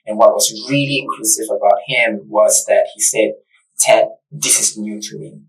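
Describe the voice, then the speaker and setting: A man in his thirties from Malaysia, speaking as an interview guest. He talks in an earnest, reflective way, stopping to restart his sentences. He sits in a bright studio, picked up by a mic set a little way off. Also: fairly low pitch, steady tone, normal speed, recorded from a distance, rough recording. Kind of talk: casual interview conversation.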